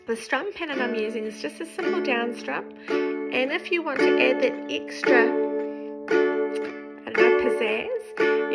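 A woman's voice: fairly high pitch, low-quality recording. A woman, teaching ukulele in a friendly, encouraging way from her living room, recorded close on a phone. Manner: friendly, encouraging, explains while strumming. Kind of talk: spoken tutorial between songs. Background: ukulele strumming.

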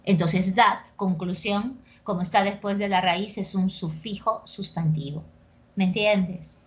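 A young woman with a Peruvian accent teaching a language class, lively and constantly checking that students follow along. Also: mid-range voice. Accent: Peruvian Spanish. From Peru. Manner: lively, keeps checking understanding with quick tag questions. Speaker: pre-university language teacher. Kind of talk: recorded class lecture.

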